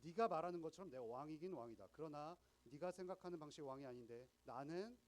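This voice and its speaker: A preacher voicing a calm, humble king. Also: on the high side, fast talker, lightly acted. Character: calm, dignified man speaking as a humble king.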